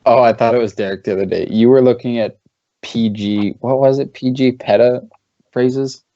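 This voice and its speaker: A man's voice: medium pitch, fairly even intonation, normal speed, mellow, no echo. A man hosting a casual gaming chat, swearing freely and mimicking his friends. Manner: loose, profane, mimics friends. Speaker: podcast host. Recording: dull lo-fi stream audio.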